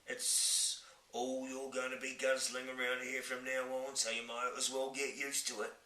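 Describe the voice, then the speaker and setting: A man voicing a very old, gentle male giant who mangles his grammar and invents words, speaking slowly. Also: medium pitch, monotone, voice pushed up, close to an everyday voice. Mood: boisterous. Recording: roomy, from a distant mic.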